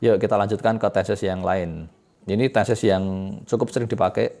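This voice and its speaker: A man giving a relaxed, chatty English lesson, explaining step by step with fillers and quick self-corrections. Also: fairly low pitch, gravelly. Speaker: English tutor.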